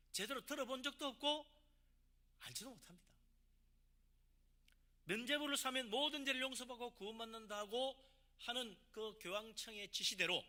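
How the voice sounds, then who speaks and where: A man's voice: very high-pitched, sharp tone. A man, a pastor from South Korea, preaching a sermon with emphatic delivery and rhetorical questions.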